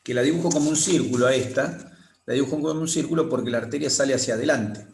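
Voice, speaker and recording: A man lecturing on anatomy, explaining slowly, repeating key terms and often checking that students follow. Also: medium pitch, a little hiss or hum. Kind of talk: classroom lecture with drawing demonstrations. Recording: echoey room.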